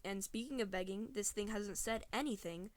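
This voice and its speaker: A woman's voice: mid-range voice, normal speed, dry recording. A woman narrating a second-person story in a dry, sarcastic, mocking way.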